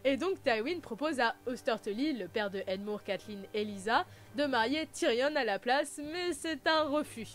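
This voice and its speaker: A woman hosting a casual recap vlog, with a bright, high voice. She talks in a chatty way and drops playful jokes in between the facts. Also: expressive, normal speed, few pauses. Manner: chatty, with playful joking asides. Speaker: video host.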